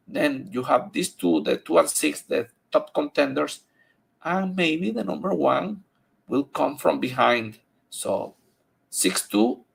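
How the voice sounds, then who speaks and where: A man with a Spanish accent and a gravelly, husky voice gives unscripted horse racing picks in halting, emphatic English as a non-native speaker. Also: mid-range voice. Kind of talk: unscripted race-by-race picks commentary.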